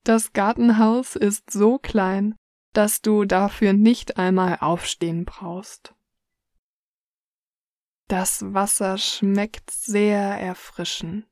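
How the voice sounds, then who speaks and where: A woman reading a guided relaxation story in the second person, soft and hushed. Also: medium pitch, steady tone, drawn-out words, no room sound, clean studio sound.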